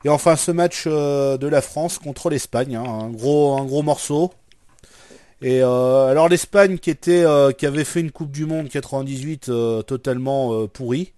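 A man hosting a casual football podcast, recapping in a hesitant, halting way with lots of conversational tags. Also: medium pitch, warm tone, dry recording, clean studio sound. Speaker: podcast host. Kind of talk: casual chat recapping retro football matches.

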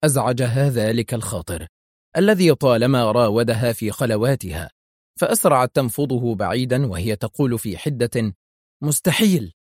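A man narrating a thriller audiobook in a measured, suspenseful style. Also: mid-range voice, lively intonation, a little mellow, no room sound, studio quality.

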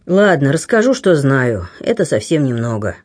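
A man's voice: medium pitch, big pitch swings, moderate pace. A man reading the part of a lovesick young man who speaks faintly and hesitantly. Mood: weak, tearful.

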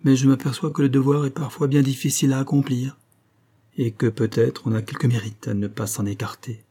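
A man voicing a calm, self-sacrificing young woman, in a measured, earnest way. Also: medium pitch, close to an everyday voice.

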